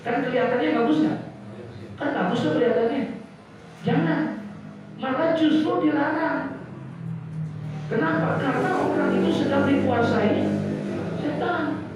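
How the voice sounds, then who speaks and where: A man's voice: extremely high pitch, measured pace, pauses often, darkish tone, slight background noise. A male preacher gives a casual sermon, quizzing his listeners and acting out voices. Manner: asks the congregation questions, acts out voices. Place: prayer room. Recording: echoey, dull, from far off.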